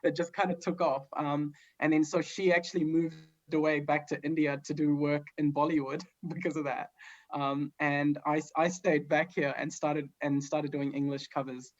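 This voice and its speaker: A male guest musician from New Zealand chatting casually, relaxed and rambling with many fillers. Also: a little high, normal speed. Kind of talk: casual chat. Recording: dull lo-fi sound.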